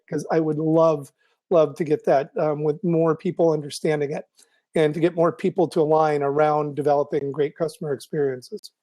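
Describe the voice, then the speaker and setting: A man hosting a live video show, thinking aloud in a casual monologue with many ums and restarts, his voice going hoarse. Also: fairly high pitch, mellow. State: losing his voice.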